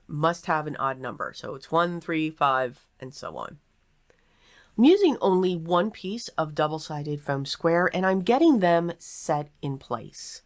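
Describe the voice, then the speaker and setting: A woman hosting a casual craft tutorial in an echoey, sparsely furnished room, explaining each step aloud in an unhurried way. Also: low voice. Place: small table in a nearly empty craft room.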